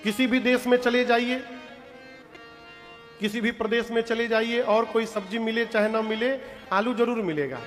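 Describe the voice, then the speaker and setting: A devotional storyteller from Purvanchal, India, speaks with a Purvanchal Hindi accent in a very high, fairly bright, steady voice at a moderate pace with long pauses. He tells sacred tales in a folksy way, addresses his audience directly, and breaks into sung verses, recorded with long hall reverb and music.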